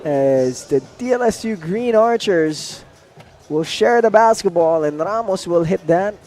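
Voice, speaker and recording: A man giving solo play-by-play commentary on a basketball game, excitable and rising to shouts on big plays. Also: high voice, unhurried. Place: indoor college gym.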